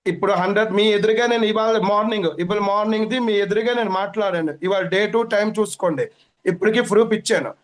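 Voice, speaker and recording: A man with a Telugu accent talks in a high, rapid rush. He repeats himself as he hurries to lay out his complaint to the interviewer. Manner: urgent, repetitive, rushing to explain. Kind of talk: agitated phone-in complaint.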